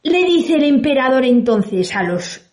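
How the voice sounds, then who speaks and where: A woman who works as a reporter and storyteller, telling a children's tale aloud in a lively, playful way and acting out the characters. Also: high-pitched, unhurried, reverberant.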